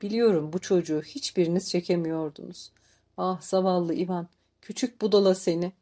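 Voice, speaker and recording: A woman reading an audiobook voices a grieving, furious old grandfather who shouts and then laments in a choked voice. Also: fairly low pitch, steady tone, normal speed, lightly acted. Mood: lamenting.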